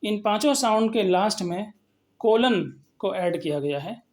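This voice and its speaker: A woman's voice: mid-range voice, animated, unhurried, a little mellow. A woman teaching phonetics in a recorded lesson, explaining patiently and repeating example words. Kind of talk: recorded lecture with slides.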